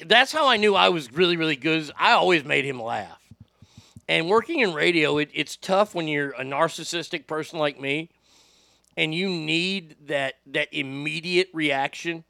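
Casual and animated, a middle-aged male radio host tells profane stories at a normal speed on a storytelling podcast. His voice sits high and bright, light on bass, with some gravel to it. The dry, close recording carries no room sound at all.

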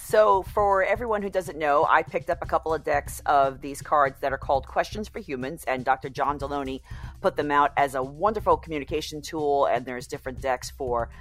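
A woman's voice: low voice, fairly quick, soft background music. A woman co-hosting a casual adult podcast, chatty and self-deprecating, laughing easily. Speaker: podcast co-host. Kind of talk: casual chat.

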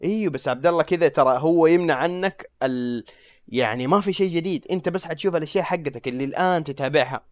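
A man co-hosting a podcast, talking very quickly in a chatty way and often asking if he is understood. His voice sits at a middling pitch. The recording is dry and a little dull and lo-fi. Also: no room sound. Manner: chatty, keeps checking the listener follows. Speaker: podcast co-host. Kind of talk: casual chat.

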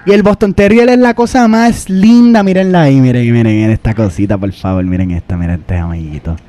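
A man's voice: medium pitch, a little fast, dark tone. A young man co-hosting a podcast in casual chat, laughing often and stumbling over repeated words. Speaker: podcast co-host.

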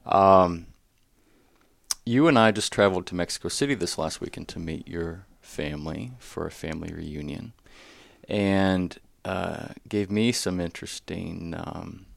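This man has a low voice with a gravelly edge. He works through a formal introduction in a measured way before turning to interview questions. The sound is close and dry. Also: no echo. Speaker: host and moderator.

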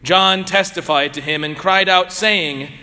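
A man speaking as clergy at a church liturgy, solemn and measured, with cathedral echo around the voice. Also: sits high, sharp tone. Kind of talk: chanted liturgy, Gospel reading and homily. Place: large reverberant church.

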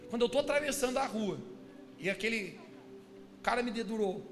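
High-voiced young man telling a testimony. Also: a little fast, long reverb tail, over music. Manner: lively, acts out quoted voices. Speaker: pastor's son giving testimony. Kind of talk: testimony storytelling.

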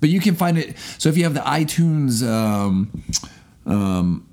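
Gravelly, lively-voiced joking man. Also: medium pitch, a little slow. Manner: playful, jokey, mock radio-host voice at times. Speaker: podcast co-host. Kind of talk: casual chat.

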